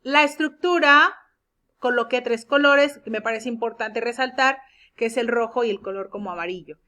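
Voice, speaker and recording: Woman, English teacher, recorded lesson, slightly high voice, checks in with students. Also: sharp tone. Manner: explains step by step, checks with "¿de acuerdo?"; reads English examples slowly and clearly.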